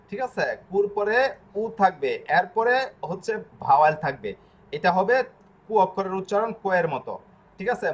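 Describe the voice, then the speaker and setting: A man teaching an online language class, explaining slowly, repeating himself and often pausing on fillers. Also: high voice, a little hiss or hum. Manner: slow, repetitive explaining with frequent fillers.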